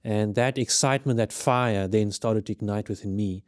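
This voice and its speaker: Guesting on a podcast in a studio, a man in his thirties who grew up in Zimbabwe speaks with a South African accent and a fairly low voice. He leads a ministry and comes across as earnest and measured, frequently restarting. The sound is dry.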